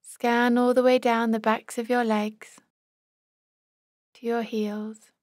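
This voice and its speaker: Calm and measured, a woman leads a body scan meditation with short instructions. Her slightly high voice stays very level with little rise or fall, and the recording is close and very dry, with no echo.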